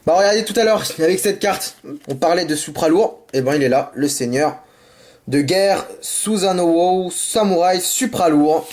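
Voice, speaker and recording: At a measured pace and in a voice that sits high, a man opens card packs while suffering a sore throat from a cold. He rambles and apologizes, then perks up excitedly about the cards in casual home-made commentary through the camera mic.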